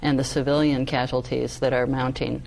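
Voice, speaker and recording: A woman's voice: a bass voice, flat delivery, normal speed, gravelly, darkish tone, slight background noise, poor audio. A woman on a panel, speaking earnestly with many fillers. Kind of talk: panel discussion.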